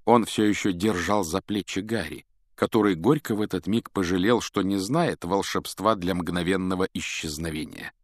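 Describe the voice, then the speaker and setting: A man narrating an audiobook in a measured, expressive storytelling manner. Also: deep voice, no echo, studio quality. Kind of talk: scripted narration.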